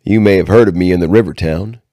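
A man's voice: low voice, fast talker, dark tone, no room sound, clean studio sound, close to an everyday voice. A man doing a sly, drawling backwoods drifter. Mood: easygoing. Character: heavyset ragged frontier man, sly and folksy.

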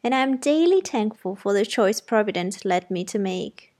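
A woman voicing a kindly, gently fussy elderly widow who keeps house, read as audiobook character dialogue. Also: medium pitch, lively intonation, normal speed, close to an everyday voice. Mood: earnest.

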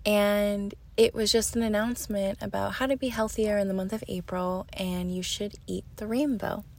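A young woman telling a casual story on her podcast, chatty and full of "like", sometimes dropping to a soft whisper. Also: mid-range voice, steady tone, normal speed. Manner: chatty, heavy use of "like", drops to soft whispers. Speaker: podcast host.

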